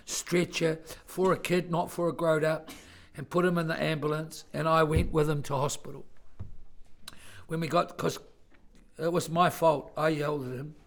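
A man's voice: a little high, vocal fry. An older man with a worn-out voice, telling a personal story to a class of children in a plain, earnest way. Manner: plain-spoken, earnest, rambling with self-corrections. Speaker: storyteller visiting a school class.

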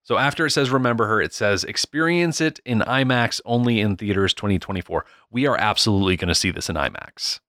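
A podcast co-host in casual chat, talking about a film trailer in a relaxed, rambling way. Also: mid-range voice, brisk, few pauses, dry recording, studio quality.

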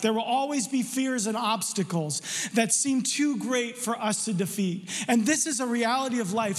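A man's voice: extremely high pitch, big-room sound. A male pastor preaching a sermon emphatically, asking the listeners rhetorical questions.

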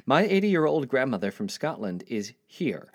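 A man's voice: mid-range voice, very animated, moderate pace. A man narrating a first-person story in a weary, reflective, rambling way.

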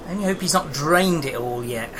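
A woman's voice: low-pitched, expressive, brisk. A woman hosting a podcast in a casual, chatty style. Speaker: podcast host. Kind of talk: casual chat with light skit. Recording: clear background noise.

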